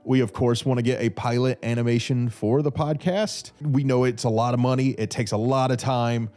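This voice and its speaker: Seated in an armchair against a brick wall in a small room, this thirtysomething North Carolina podcast host answers listener questions into a red boom-arm studio mic. He has a mellow, medium-pitched voice with fairly even intonation and a moderate pace. Slightly congested from a cold, he talks casually and loosely, full of fillers and false starts.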